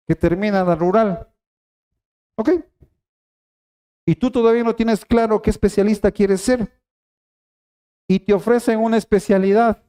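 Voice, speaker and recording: High-voiced emphatic male preacher. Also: dark tone. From Ecuador. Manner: emphatic, repeats key phrases, addresses congregation directly. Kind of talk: sermon.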